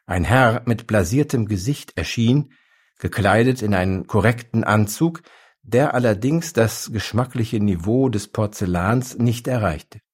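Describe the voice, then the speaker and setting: A man reading a story aloud in a calm, measured narration. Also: on the low side, breathy edge.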